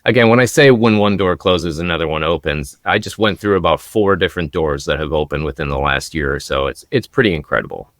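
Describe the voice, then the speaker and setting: A man's voice: sits low, a little fast, few pauses, a bit bright, no echo, clean studio sound. A man speaking as an expert guest on a podcast, explaining things upbeat and enthusiastically. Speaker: travel deals expert guest. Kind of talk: podcast conversation. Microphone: podcast microphone.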